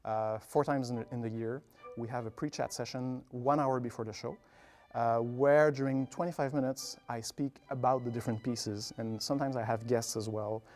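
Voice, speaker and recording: A conductor and artistic director gives instructive interview answers full of examples and analogies. His mid-range voice is steady and darkish, his pace moderate, with soft music in the background.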